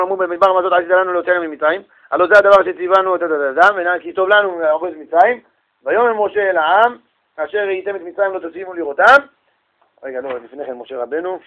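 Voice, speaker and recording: High-pitched guy preaching, gets loud then goes quiet, sounds like a radio broadcast. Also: dull audio. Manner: animated, swings between loud exclamations and hushed asides. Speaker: rabbi giving a Torah lesson. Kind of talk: lively sermon with storytelling.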